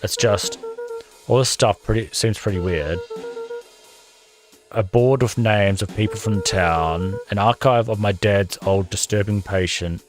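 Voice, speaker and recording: A wary boy questioning a grown-up in a story game, read out by a man in his own voice. He sounds doubtful, in a very low, slow voice. Game music plays clearly behind. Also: close to an everyday voice. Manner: doubtful, reading lines aloud.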